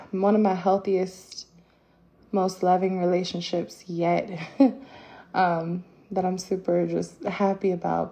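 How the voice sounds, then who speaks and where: A woman hosting her own podcast, talking casually and reflectively with many fillers and pauses, candid and personal. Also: lowish voice, creaky, dark tone, muffled recording. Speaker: podcast host. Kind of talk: casual solo podcast talk.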